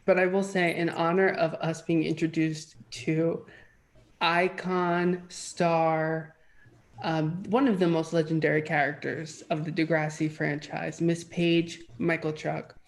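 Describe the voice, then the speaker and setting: A young adult woman co-hosting a podcast in casual, animated chat, often gushing and slipping into playful voices. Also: low voice, measured pace. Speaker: podcast co-host.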